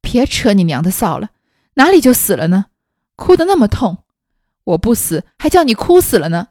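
A woman's voice: mid-range voice, very animated, normal speed, mellow, no room sound, studio quality. Woman voicing a bitter, cutting young noblewoman. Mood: mocking. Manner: scornful and cutting.

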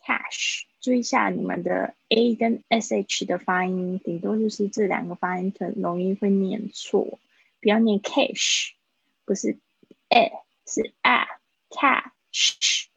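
A woman's voice: mid-range voice, steady tone, vocal fry, darkish tone, breathy edge, dry recording. Woman teaching English vocabulary live. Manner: explains slowly, repeats words for pronunciation. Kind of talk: live online vocabulary lesson. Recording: dull, dry livestream audio.

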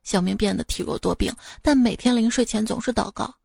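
A woman hosting a joke show, reading out short jokes at an unhurried pace and chuckling at her own punchlines. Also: fairly high pitch, vocal fry, darkish tone, slightly rough, no room sound, clean studio sound. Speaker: radio joke-show host.

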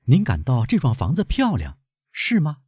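A proud young noblewoman, as a male narrator puts her on, her voice lifted well above his own, pressing with coaxing questions. The sound is husky and bone dry, with a restless, swooping pitch. She comes from a storybook reading. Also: huge pitch swings, moderate pace, darkish tone, no echo.

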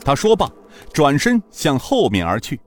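A man's voice: on the high side, wildly swooping pitch, normal speed. A dramatic male storyteller. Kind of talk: serialized martial-arts story narration.

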